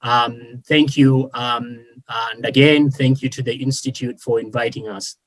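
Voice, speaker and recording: A man's voice: mid-range voice, steady tone, unhurried. A man born and raised in Kenya, speaking as a panelist in an online discussion, earnest, with many fillers and restarts.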